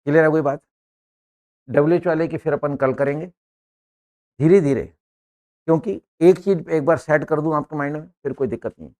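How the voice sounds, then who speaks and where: A man's voice: a little high, darkish tone. Man teaching English pronunciation in class. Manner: explains slowly, often asks "है ना?". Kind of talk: classroom lesson.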